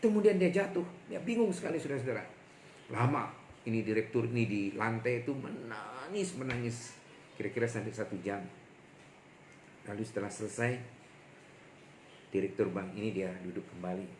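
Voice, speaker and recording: A man's voice: lowish voice, moderate pace, pauses often, a little hiss or hum. A male pastor telling a story in a prayer-meeting sermon, often calling out to his listeners as brothers and sisters. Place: church prayer meeting streamed online. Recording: echoey room with faint ambience.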